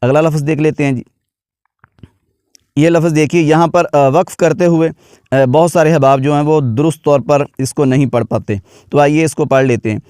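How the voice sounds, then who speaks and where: A man teaching Quran recitation, his voice fairly high and resonant. He explains each rule patiently, then chants the verses slowly with long drawn-out vowels. The sound is dry and close. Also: steady tone, a little mellow, clear, resonant tone, dry recording. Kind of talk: tajweed lesson with chanted recitation.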